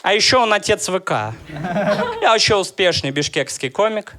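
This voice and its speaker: A man in his thirties from Russia works through a stand-up set, dry and ironic, chatting with the crowd between jokes. His voice sits fairly high for a man. The live club recording carries clear background noise. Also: sing-song, moderate pace. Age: 30s. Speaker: stand-up comedian.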